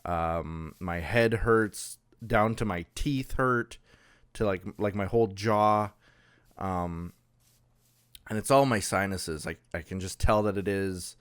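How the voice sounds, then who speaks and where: A man hosting a Minecraft server let's-play chats casually about the game, his low, clear, resonant voice clogged by a sinus infection. He speaks slowly and hesitantly, full of ums and restarts.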